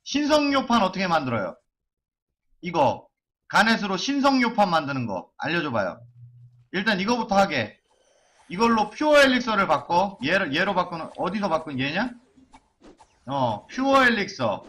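A man's voice: sits high, big pitch swings, normal speed, fairly bright tone. A man streaming an online game live, chanting and cursing as he gambles on item upgrades.

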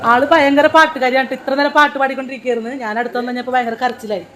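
A woman's voice: sits high, level tone, very fast, fairly bright tone, slight background noise. A woman with a Thrissur Malayalam accent chatting and coaxing elders in an old age home. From Kerala. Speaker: vlogger. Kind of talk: casual vlog chat.

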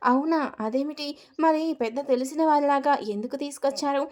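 A woman's voice: high-pitched, fairly quick, a little mellow, close to an everyday voice. A woman voicing a shy, naive young bride. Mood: innocent. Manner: innocent, wondering.

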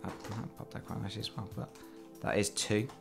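A gravelly, lowish male voice speaks fairly quickly in a steady tone over music. He's a board game channel host with a cold, chatting through an unboxing at an indoor table with his hands in view, and he's self-deprecating and filler-heavy.

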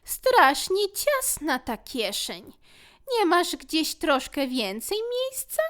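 Woman doing a squeaky timid little fear creature. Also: huge pitch swings, takes it slowly, a bit bright, full character voice. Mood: whiny. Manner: whimpering, squeaky, meek. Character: tiny timid polite pale-purple fear creature.

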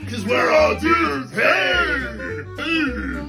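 A man speaking in a deep, booming voice from inhaling a heavy gas, playful and sing-song in a silly comedy skit. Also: lively intonation, very slow, vocal fry, shouting, over loud music. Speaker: guest.

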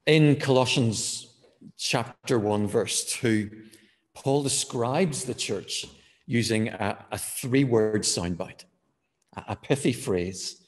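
A man delivers a sermon in a church, speaking at a mid pitch. He pauses with fillers and draws out key words for emphasis. His voice rings with the long reverb of the hall. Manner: measured preaching with fillers, slowing to stress key words. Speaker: preacher.

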